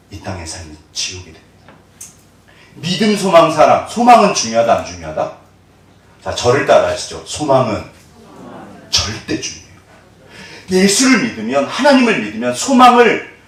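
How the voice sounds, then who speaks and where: Middle-aged guy pastor preaching, voice jumps all over, big echoey church, mic kinda far off. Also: medium pitch. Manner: animated storytelling with rhetorical questions, acts out voices. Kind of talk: sermon. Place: church sanctuary. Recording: very echoey hall, distant mic.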